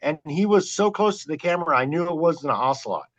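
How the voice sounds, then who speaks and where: A man guesting on a podcast, telling his wildlife camera stories in an animated, excited way. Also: a little high, quick pace. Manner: excited, animated retelling with quoted exclamations. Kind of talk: storytelling in a podcast interview.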